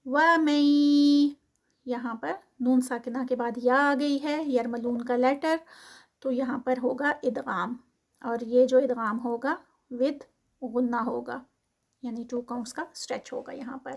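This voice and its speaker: A woman teaching a tajweed lesson, reciting verses slowly and then explaining the rules of each word. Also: on the high side, steady tone, gravelly. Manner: chants verses slowly, then explains rules briskly in Urdu-English mix.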